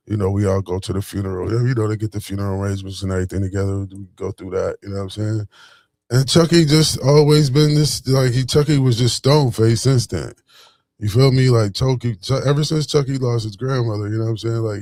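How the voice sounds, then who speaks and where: A man's voice: lowish voice, fairly even intonation, fairly quick, darkish tone, dry recording. A man in his forties telling a story in a casual, rambling monologue full of fillers and restarts. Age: 40s.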